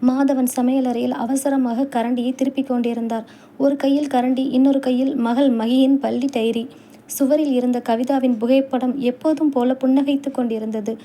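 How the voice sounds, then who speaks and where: A woman narrating a family short story in a calm, scripted storytelling style. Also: sits high, moderate pace, a little hiss or hum.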